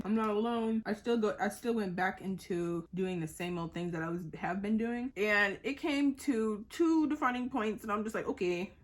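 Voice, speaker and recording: A woman in her twenties from Boston, rambling in a casual chat with many fillers and acted-out quotes. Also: medium pitch. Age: 20s. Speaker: vlogger. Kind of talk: casual chat while getting ready.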